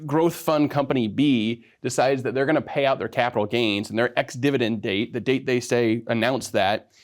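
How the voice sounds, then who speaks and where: Man, mid-pitched voice, financial show host, brisk, wry, conversational. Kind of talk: explanatory radio talk.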